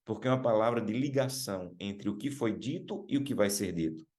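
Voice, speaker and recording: A Brazilian man preaching a sermon, emphatic, repeating key words and calling listeners brothers, slowing to stress lines. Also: a little mellow. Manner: emphatic, rises in pitch and slows down for stressed phrases.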